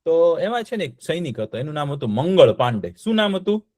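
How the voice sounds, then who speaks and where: A man's voice: on the high side, very animated, fairly quick, darkish tone, no room sound, studio quality. A man telling a history story to children, often stopping to quiz them with check-in questions.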